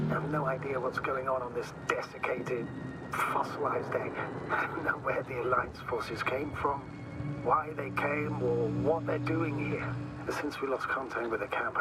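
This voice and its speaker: An actor playing a calm, measured male space mission commander in a game, over heavy background noise. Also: mid-range voice, natural voice.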